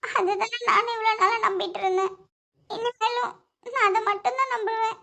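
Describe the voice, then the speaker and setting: This is a tearful, stubborn young woman in a cartoon who is hopelessly in love, as a woman voices her. Her voice sits extremely high and squeaky. She pleads with emotion in every line. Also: fairly even intonation, moderate pace, sharp tone, heavily acted. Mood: heartbroken.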